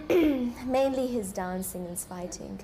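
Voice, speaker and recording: Young woman, film actress being interviewed, short soft replies, mellow tone, faint background hiss. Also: on the high side, animated, slow. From Hong Kong. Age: young adult. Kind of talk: interview answers.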